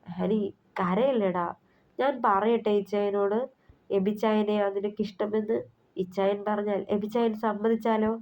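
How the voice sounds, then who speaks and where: A woman's voice: mid-range voice, steady tone, unhurried, natural voice. A woman voicing a caring young woman who tenderly consoles her friend. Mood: consoling. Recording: slightly muffled recording.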